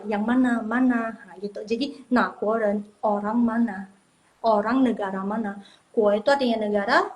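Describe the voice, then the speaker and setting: A woman's voice: fairly high pitch, rough recording. A woman, teaching Mandarin in a casual livestream and drilling pronunciation. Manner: chatty, repeats and drills pronunciation.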